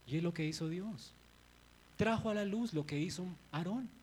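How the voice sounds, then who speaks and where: A male pastor with a high-pitched voice delivers a sermon full of energy at normal speed, captured in a low-quality recording. He dramatizes biblical scenes in an animated way, switching between rhetorical questions and emphatic statements.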